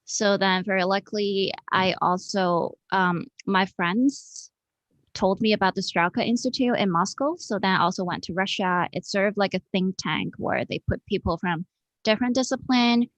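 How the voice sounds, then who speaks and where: A woman from Hong Kong, an architect and researcher, answers as an interview guest over a remote online video call. Her mid-range voice moves at normal speed, reflective, informal and conversational; the recording is rough but has no echo.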